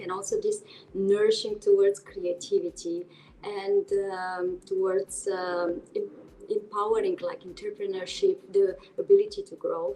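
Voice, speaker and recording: A woman's voice: mid-range voice, mellow, rough recording. Earnest Bulgarian-born woman on a video call. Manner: earnest, with frequent hesitations and restarts. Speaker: interview guest, board member. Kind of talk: online video call interview.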